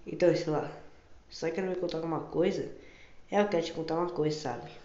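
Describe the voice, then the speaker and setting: A man with a fairly high voice talks through an improvised game story in a casual, hesitant way. He repeats phrases often, and the muffled recording has room echo. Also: quick pace, mellow. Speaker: gaming video creator. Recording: muffled, echoey room with background noise.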